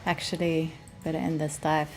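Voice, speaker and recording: A woman's voice: deep voice, flat delivery, normal speed, a little mellow, faint music behind. A woman with a South African accent, chatting casually with viewers while playing a game and reading their messages aloud. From South Africa, Cape Town. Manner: chatty, reads chat aloud, laughs easily. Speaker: streamer. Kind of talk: casual live-stream chat while gaming.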